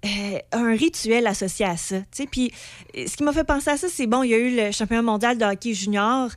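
A woman's voice: on the high side, fairly quick, no echo. A woman with a Quebec French accent giving casual commentary as a radio columnist.

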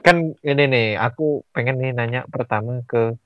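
Man, mid pitch, dull dry recording, casual podcast hosting. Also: normal speed, no echo. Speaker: podcast host. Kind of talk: casual chat. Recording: dull, band-limited close recording.

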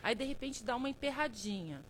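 A woman's voice: on the high side, animated, a little fast, slight background noise, rough recording. Coaxing, playful woman hosting a live stream. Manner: affectionate, calls viewers by name and "love"; playful, chuckles often. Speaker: self-help speaker hosting a live stream. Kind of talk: casual live-stream talk to viewers.

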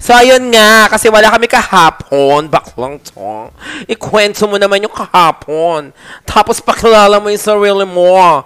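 A man's voice: high voice, animated, moderate pace, few pauses, fairly bright tone, smooth. A male host chatting casually on a stream, playful and teasing.

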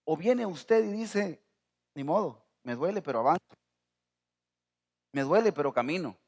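A middle-aged man from El Salvador with a Salvadoran accent, preaching a sermon as pastor, rising to near-shouting and calling out to the congregation. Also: fairly high pitch, lively intonation, unhurried. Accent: Salvadoran Spanish.

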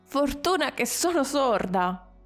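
A woman voicing a cheeky, half-deaf old woman who shouts in a shrill voice, in a narrated story. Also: big pitch swings, slow, faint music behind, heavily acted. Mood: shouting.

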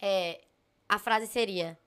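A young woman, a podcast guest, chatting casually and telling animated stories, acting out the people she quotes. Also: medium pitch, slow pace, a crowd in the background. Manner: animated storyteller, acts out quotes.

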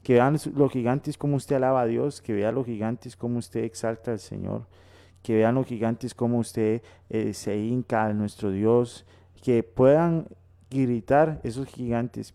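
A man's voice: medium pitch, gravelly, dark tone. A man co-hosting a radio Bible teaching, exhorting listeners with long runs of repeated phrases. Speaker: radio co-host. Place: radio studio.

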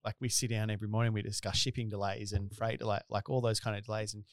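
A man's voice: on the low side, level tone, quick pace, dry recording, clean studio sound. A man in his thirties with a broad Australian accent, hosting a casual interview in a rambling, colloquial, blokey way. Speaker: podcast host and business owner.

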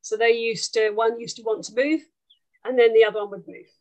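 Higher-voiced Essex woman, evenly pitched. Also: fairly even intonation, a little fast, a little mellow. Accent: Essex English. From Essex, England. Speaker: medium, interview guest. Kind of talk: conversational life story.

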